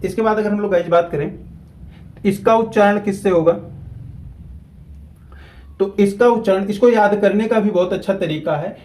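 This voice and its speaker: A man teaching a grammar lesson at a whiteboard, repeating key terms slowly so students can follow. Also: high voice, darkish tone, low-quality recording.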